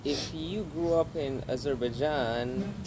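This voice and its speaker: A man with a creaky voice, chatting casually as a podcast co-host. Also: mid-range voice, slow. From Philippines. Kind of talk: casual conversational interview. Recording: clear background vehicle-like noise.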